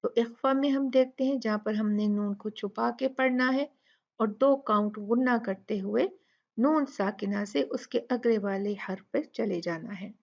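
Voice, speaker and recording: A woman gives a tajweed lesson slowly and patiently, repeating each syllable. Her voice sits a little high and has a gravelly edge. The recording sounds dull and lo-fi. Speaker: Quran recitation teacher.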